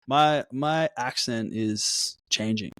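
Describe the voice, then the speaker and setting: A podcast guest from Melbourne, whose Australian accent is drifting toward American, talks casually and loosely, saying "like" and "yeah" often in a relaxed, slangy way. His voice is medium-pitched and slow, on a dry recording with clean studio sound.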